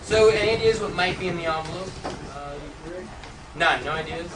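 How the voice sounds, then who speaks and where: High-voiced theatrical magician, male, echoey and distant. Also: normal speed. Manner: jokey, chuckles at own jokes. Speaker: stage magician. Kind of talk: theatrical magician patter to a live audience. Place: fairly large room with a live audience. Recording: echoey room from far off, loud noise.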